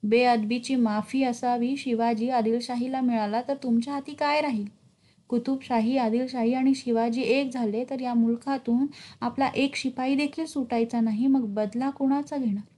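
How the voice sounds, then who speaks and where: A woman's voice: fairly high pitch, fairly even intonation, moderate pace, dark tone, natural voice. A woman voicing a scheming male Mughal general who speaks in a sly, taunting way in a storybook reading. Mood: mocking.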